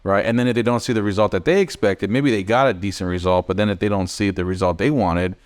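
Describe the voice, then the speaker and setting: Deep-voiced man asking probing questions. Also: steady tone, fast talker. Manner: probing questions, frequent "right?" checks. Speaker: podcast co-host. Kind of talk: casual podcast interviewing.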